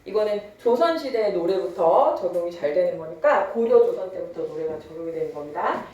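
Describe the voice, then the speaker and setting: Lively teacher woman in an echoey room. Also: fairly low pitch, a little fast, distant mic, highs cut off. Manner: chatty, mixes casual and polite speech, teasing students. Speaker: Korean literature teacher. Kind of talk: online lecture.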